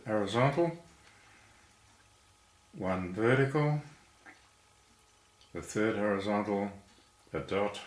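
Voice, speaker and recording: A man with a fairly low voice walks through a lesson at an unhurried pace. He explains each step with patience. The room around him rings with echo. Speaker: language teacher.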